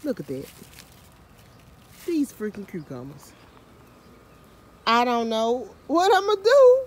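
This woman's fairly high voice swoops wildly in pitch as she talks slowly through an outdoor garden tour shot on a handheld phone camera. A home gardener and vlogger, she's chatty and self-mocking and leans on Southern US slang. There's a slight hiss or hum.

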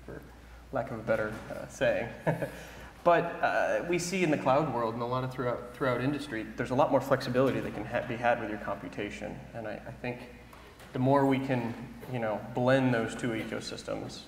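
A man's voice: medium pitch, a little fast. A man on a conference panel speaking thoughtfully, hedging often with "sort of" and "you know". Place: large conference hall stage. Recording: echoey hall with faint room noise.

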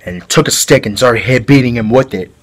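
A man playing a male killer who confesses a brutal fight in a halting, rambling way, in an amateur home-video drama. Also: mid-range voice, breathy edge, natural voice. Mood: flat confessing. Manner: halting, rambling storytelling with restarts.

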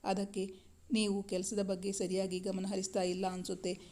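A woman voicing a stern older male senior doctor who scolds briskly and belittles. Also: mid-range voice, monotone, mellow, slight background noise, lightly acted. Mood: scornful.

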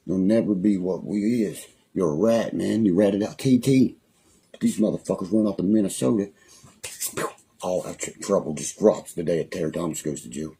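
A young West Virginian-accented man rants in anger on a phone live stream from a small room in his home, swearing constantly, rambling and making threats. His low voice is creaky and warm with a breathy edge, at a moderate pace.

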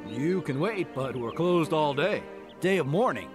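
Brief: a brusque male game baker, clipped, higher than usual, animated pitch. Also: a little slow, music in the background. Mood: curt. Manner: curt, clipped. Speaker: game character.

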